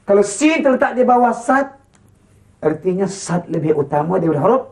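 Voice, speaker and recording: A Quran recitation teacher with a Malaysian Malay accent, chanting slow model verses and then quickly explaining and quizzing pupils. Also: mid-range voice, sing-song, darkish tone. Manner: quizzing pupils with short questions. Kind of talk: classroom lesson with call-and-response.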